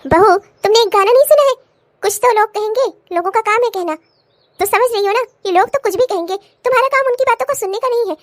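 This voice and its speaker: A woman's voice: very high voice, dry recording. A woman voicing a stern older mother-in-law and grandmother in a cartoon comedy, scolding and lecturing. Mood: preachy. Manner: scolding, then lecturing in a slow preachy way.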